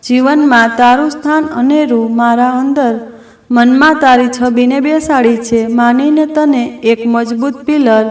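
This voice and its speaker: A woman voicing a gentle, devoted young male friend who speaks in a tender, caring way. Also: on the high side, close to an everyday voice. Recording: roomy echo from a distant mic.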